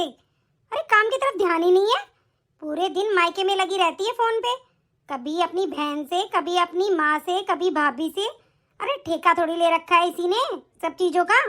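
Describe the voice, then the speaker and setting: A woman voicing a harsh, bossy middle-aged mother-in-law who taunts and scolds in an animated story. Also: very high voice.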